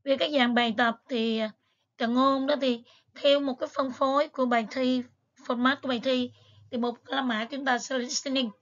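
A woman's voice: high-pitched, steady tone, moderate pace, lo-fi sound. A woman teacher, patiently going over exam material step by step with frequent fillers. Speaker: English teacher. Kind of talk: exam review lesson.

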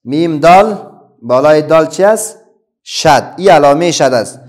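Man, Afghan Dari accent, children's teacher, slightly high voice, asks and answers his own questions, halting. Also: expressive, darkish tone. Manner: asks the pupils questions and answers them himself, with many pauses and fillers. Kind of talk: classroom Quran reading lesson for children.

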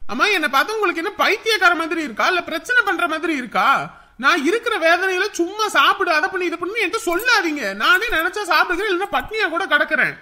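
A woman's voice: extremely high pitch, lively intonation, fast, pushed and bright, exaggerated voice. A woman voicing an irritable, out-of-work young husband in a cartoon family story, complaining about his troubles. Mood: irritated.

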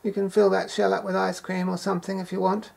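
A woman's voice: mid-range voice, flat delivery, fast talker, creaky, darkish tone, slight background noise. A woman talking in a casual cooking vlog in a shearing shed kitchen, chatty and enthusiastic, savoring each taste aloud. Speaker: home gardener and cook.

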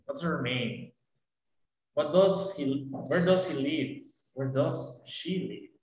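A man's voice: a little high, roomy sound, a little hiss or hum, rough recording. A man teaching an online English class, explaining patiently and often checking that students follow. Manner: patient, often checks understanding with tag questions.

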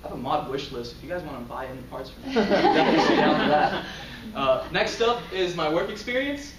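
A young man presents in an echoey lecture room in front of a projector screen, speaking casually as a student, with plenty of fillers and frequent chuckles. His pitch is high and swings widely, and his pace is brisk. The far camera gives roomy, distant audio that is very noisy.

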